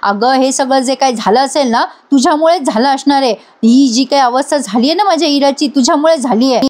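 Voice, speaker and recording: A woman's voice: high voice, a little fast, darkish tone, close to an everyday voice. A woman voicing a fiercely protective mother who scolds sharply. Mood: scolding.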